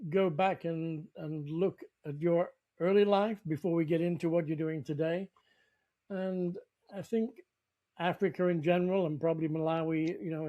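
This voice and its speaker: A man's voice: fairly high pitch, highs cut off. A man hosting an interview podcast, who asks long, rambling questions with repeated words. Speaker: podcast host.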